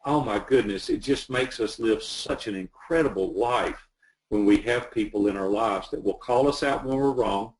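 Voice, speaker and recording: A man's voice: lowish voice, moderate pace, poor audio. A man working as a business coach, talking earnestly and with animation as he tells stories in a casual interview.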